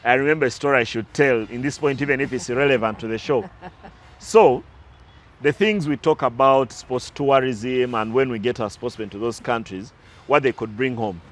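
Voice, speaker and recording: A man talks casually about recent football matches at a moderate pace, his voice mid-range. Like a pundit, he's analytical, goes off on side stories, and sometimes starts his sentences over.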